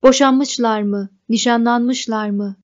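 A woman's voice: on the high side, steady tone, unhurried, highs cut off, close to an everyday voice. A woman reading the part of a troubled, anxious adult man who presses with urgent questions.

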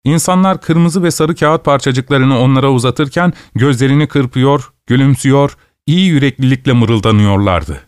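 A man reads a literary story aloud at a measured pace. His voice is smooth and resonant, at a middle pitch. The recording is dry and close, with no room sound. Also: dry recording. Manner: measured, descriptive. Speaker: narrator. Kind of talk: scripted narration.

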